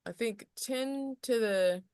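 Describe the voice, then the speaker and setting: A woman's voice: fairly high pitch, slow, a little mellow, clear, resonant tone, no room sound, clean studio sound. A woman casually explaining lesson material as a tutor, rambling a little with restarts and slipping into example voices.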